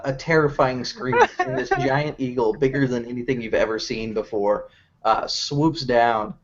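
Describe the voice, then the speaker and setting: A man narrating as game master of a tabletop game, pausing often with fillers. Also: medium pitch. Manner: hesitant, many fillers. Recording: dull lo-fi recording.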